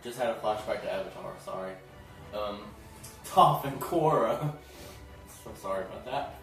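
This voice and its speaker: A man's voice: on the low side, fairly even intonation, fairly quick, creaky, distant mic. Chatty man recapping in an echoey room. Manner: chatty, giggly, acts out characters' lines. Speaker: TV episode reviewer. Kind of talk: casual recap. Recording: very echoey room, voice off-mic, faint music.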